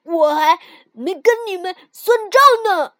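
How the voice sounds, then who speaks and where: An impulsive young male frog from a children's storybook, as a woman puts him on. He speaks loudly and excitably, and his high voice swings up and down. The recording is dry and close to the mic. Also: takes it slowly, no echo, heavily acted. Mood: angry. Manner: loud, excitable outbursts. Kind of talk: storybook character voice.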